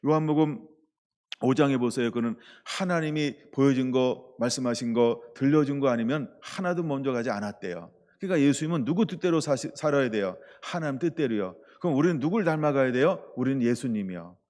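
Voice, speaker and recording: A male pastor preaching a sermon in a playful, lively way, asking the congregation questions and acting out little quotes. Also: medium pitch, big-room sound. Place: church.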